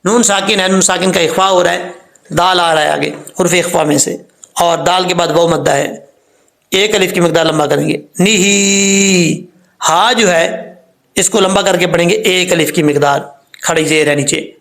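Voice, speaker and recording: A man teaching correct Quran pronunciation, explaining each rule and then chanting the words slowly to show how they should sound. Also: high voice, creaky, fairly bright tone, roomy sound.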